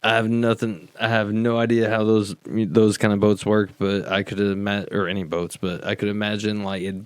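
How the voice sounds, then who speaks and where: A man's voice: on the low side, flat delivery, normal speed, clean tone, no echo. Joking, rambling man. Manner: joking, rambling, heavy use of "like". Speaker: podcast co-host. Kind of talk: casual podcast chat.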